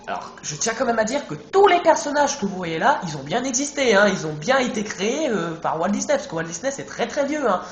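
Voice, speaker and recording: A man's voice: sits high, big pitch swings, a little fast, hardly any pauses. A man giving casual, rambling commentary over his video game play, swearing now and then. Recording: echoey room, game music behind.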